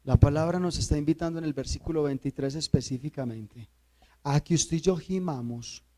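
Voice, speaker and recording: A man from Antioquia with a Colombian accent preaching a sermon, swinging from loud pleading cries to low, slow, intimate stretches. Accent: Colombian Spanish, Antioquia. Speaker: pastor.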